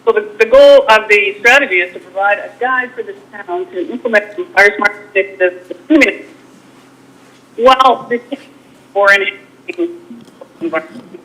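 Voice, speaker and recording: A woman consultant giving a remote presentation in a halting way, her cell phone audio breaking up and cutting in and out. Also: medium pitch, a bit bright. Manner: halting, many restarts and fillers. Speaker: wildfire consultant presenting to a council. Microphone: cell phone on a remote call. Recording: broken-up cell phone line.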